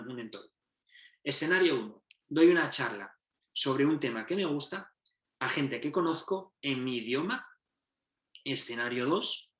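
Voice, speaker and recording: Explaining step by step during a methodology talk, this football coach frequently restarts and corrects himself mid-sentence. His mid-range voice is fairly bright, and the room adds noticeable echo.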